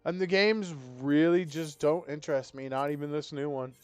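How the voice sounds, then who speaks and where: Young man, live-stream chatter, laid-back and profane, slightly high voice, dry sound, faint game music behind. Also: normal speed, clear, resonant tone, dry recording. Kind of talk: casual live-stream chat while gaming.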